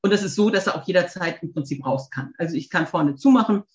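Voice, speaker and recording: A woman chatting casually, telling lively anecdotes with many fillers and asides. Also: on the low side, fast talker, roomy sound, lo-fi sound. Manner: chatty, animated storytelling, frequent fillers. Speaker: podcast guest, dog owner. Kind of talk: casual conversation.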